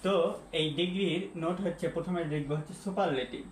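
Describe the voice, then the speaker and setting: A man's voice: on the high side, moderate pace. A man teaching a lesson at a whiteboard, repeating and spelling out words and putting questions to the viewer. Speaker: English teacher. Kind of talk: classroom-style lesson at a whiteboard. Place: classroom or room with a whiteboard. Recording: echoey room with faint background hum.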